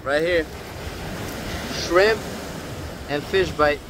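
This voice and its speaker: A man in his thirties giving casual, excited commentary while fishing on a beach, filmed on a phone. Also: a little high, very slow, background noise. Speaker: fishing vlogger. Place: outdoors on a windy beach, later in a car.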